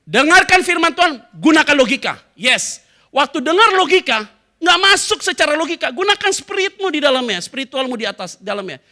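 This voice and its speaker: A male pastor preaches to his congregation with a high, bright voice. He keeps it chatty and humorous, slipping into little acted exchanges. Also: big pitch swings, brisk. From Indonesia. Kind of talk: sermon. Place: church hall.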